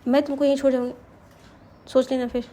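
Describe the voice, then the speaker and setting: A woman's voice: sits high, flat delivery, fast, dark tone, close to an everyday voice. A woman voicing a strict, composed young woman who speaks firmly and curtly. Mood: exasperated. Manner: firm, curt.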